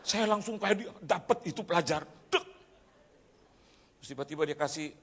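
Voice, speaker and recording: A man in his forties preaching a sermon as a pastor, telling a story dramatically and swinging from quiet to shouted. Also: a little high, animated, moderate pace, slightly rough. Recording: long reverb of a church hall.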